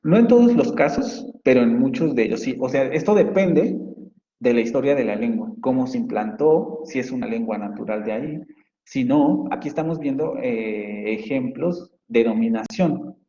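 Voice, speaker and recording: A man's voice: mid-range voice, lively intonation, normal speed, warm tone. A male phonetics professor, giving a casual lecture and thinking aloud with frequent fillers and restarts. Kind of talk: university lecture, explaining with examples. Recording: dull, roomy, reverberant lo-fi audio.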